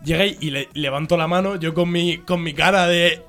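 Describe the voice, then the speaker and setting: Young spanish guy from spain, kinda high voice, laughing while he tells stories, faint music behind. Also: normal speed. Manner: animated, laughs through his stories. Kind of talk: casual storytelling chat.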